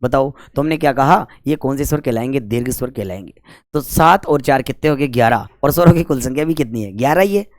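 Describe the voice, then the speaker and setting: A man's voice: mid-range voice, expressive, quick pace, no room sound, studio quality. A man teaching grammar for exam prep. He asks questions, answers them himself and stretches out the vowel sounds. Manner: chatty, with jokes between the rules.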